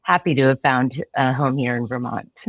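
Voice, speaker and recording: A woman's voice: extremely low pitch, moderate pace, no echo, clean studio sound. A woman in her forties from Connecticut, a philosophy professor answering interview questions thoughtfully, with frequent restarts and light laughter. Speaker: philosophy professor, podcast guest.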